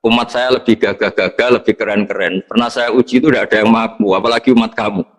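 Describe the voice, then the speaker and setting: A man's voice: fairly low pitch, steady tone, quick pace, close to an everyday voice. A male preacher quoting an older prophet who likes to complain, urging his listener to ask for relief. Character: prophet Moses, an older man, fond of complaining.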